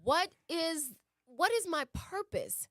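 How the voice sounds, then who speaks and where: A woman's voice: very high-pitched, animated, takes it slowly, fairly bright tone, no echo, clean studio sound. A woman co-hosting a relationship talk show who speaks emphatically, repeats her key points and asks rhetorical questions. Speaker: relationship podcast co-host. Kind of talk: conversational teaching talk.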